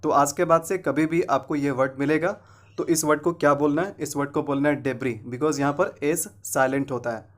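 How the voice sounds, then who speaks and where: A man teaching English pronunciation in Hindi, who asks and answers his own questions and repeats the correct form. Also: a little high. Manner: slows right down for English example sentences. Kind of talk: pronunciation lesson.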